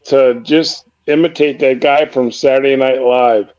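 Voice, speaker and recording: A man's voice: medium pitch, steady tone, measured pace, darkish tone, lo-fi sound. A man joining a live stream as a guest, teasing the host and egging him on in casual chat.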